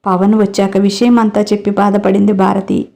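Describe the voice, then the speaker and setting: A woman narrating a family story in a steady, expressive reading voice. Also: mid-range voice, normal speed, creaky.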